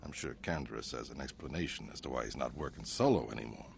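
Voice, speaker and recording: An actor playing a smooth, self-satisfied male crime boss who speaks in a grand, smug way. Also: a bass voice, quick pace, exaggerated voice.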